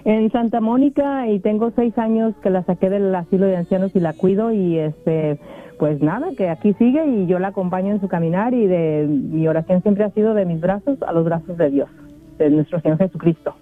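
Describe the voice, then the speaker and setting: An older woman calling in over a poor-quality phone connection, speaking earnestly and haltingly, with frequent restarts. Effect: poor-connection phone line. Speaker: caller. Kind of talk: call-in phone chat. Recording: tinny, low-quality phone line.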